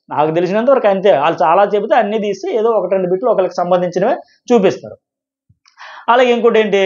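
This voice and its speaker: A middle-aged man with a Telugu accent delivers a reality-show review at a breakneck pace. His voice sits high and he keeps firing rhetorical questions. The recording has a dull, muffled lo-fi quality. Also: a little mellow. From India. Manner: rapid, argumentative, rhetorical questions. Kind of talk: fast opinionated commentary. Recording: dull lo-fi sound.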